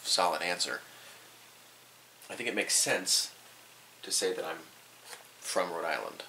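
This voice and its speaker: In a low-quality recording with a slight hiss or hum, a young adult vlogger muses about his origins from a small indoor bedroom. He has a deep voice with a bright, forceful tone, and he pauses and repeats himself as he gathers his thoughts in this reflective documentary piece.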